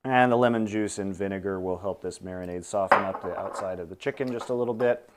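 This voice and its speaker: A man's voice: low voice, fast talker, heavy background noise. A man hosting a casual cooking stream, explaining each step aloud with dry, teasing humor. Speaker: cooking show host.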